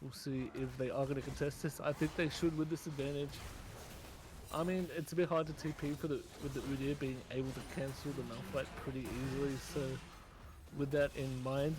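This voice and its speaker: A man calling esports play-by-play from his own room, rapid and rising in pitch during fights. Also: background noise. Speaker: play-by-play caster.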